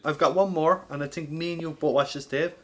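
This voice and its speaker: An Irish man co-hosting a podcast chats casually about movies, telling animated, foul-mouthed stories. His voice is fairly high and fairly bright, with a steady tone and a fairly quick pace.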